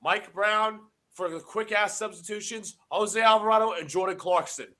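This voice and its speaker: Over a noisy background, a man with a high-pitched voice talks at normal speed, running a basketball watch-along stream with live play-by-play and banter with his co-host. Allergies leave him sounding congested, and he's excitable, shouting whenever a big play happens.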